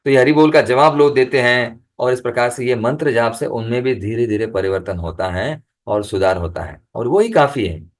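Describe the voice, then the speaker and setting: Man giving a devotional talk. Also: mid-range voice. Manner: reads letters slowly and aloud, then explains them; chants the holy name in a rising, lifted voice. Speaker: devotional speaker. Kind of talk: devotional discourse over video call. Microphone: video call.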